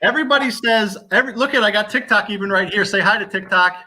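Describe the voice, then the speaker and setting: A man's voice: high-pitched, fast, sharp tone. A man hosting a live stream interview in an upbeat, hyped manner. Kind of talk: livestream interview chat.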